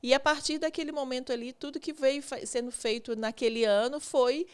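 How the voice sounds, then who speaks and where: A Brazilian woman hosting a podcast interview, gently summarizing her guest's story with some stumbling restarts. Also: high voice, fairly even intonation, brisk, clean tone. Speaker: podcast host.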